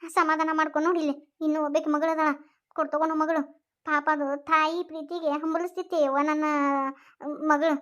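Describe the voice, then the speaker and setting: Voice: high-pitched, little pitch movement, fairly quick, a bit bright. A voice actor playing a consoling elder sister in a village, with a North Karnataka accent. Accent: North Karnataka Kannada. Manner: soothing, coaxing.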